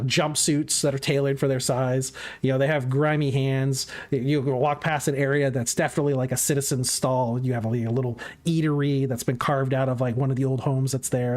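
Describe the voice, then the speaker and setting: A game master improvising descriptive tabletop narration in a halting, conversational way. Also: medium pitch, darkish tone.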